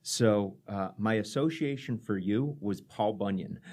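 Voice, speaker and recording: Male interviewer, casual host, lowish voice, halting speech full of fillers. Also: a little mellow. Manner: hesitant, many fillers and repeated words.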